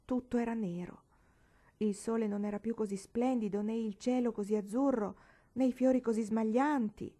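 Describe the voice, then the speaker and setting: A woman reading a novel aloud with expressive narration, lifting her voice for emphasis. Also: a little high, moderate pace. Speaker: audiobook reader. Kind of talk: audiobook narration.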